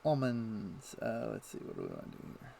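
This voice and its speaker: This is casual gameplay commentary from a live stream: a man half-talks to himself while playing, tossing off dry, wry remarks. He speaks at a moderate pace in a fairly low voice with some vocal fry, over constant background noise.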